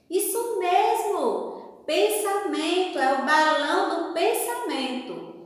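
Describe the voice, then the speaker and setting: A woman teacher with a Brazilian Portuguese accent, correcting a worksheet aloud, patiently asking questions and pausing for answers. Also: high voice. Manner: acts out sound effects and whispers for examples. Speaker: primary school teacher. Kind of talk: remote lesson correcting a worksheet. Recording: very echoey room with long reverb.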